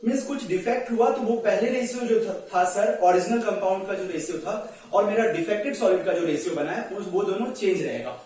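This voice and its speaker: A man's voice: high voice, brisk, a little mellow. A man teaching chemistry in an online lecture, coaxing students and often checking they understand. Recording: echoey room, voice far from mic.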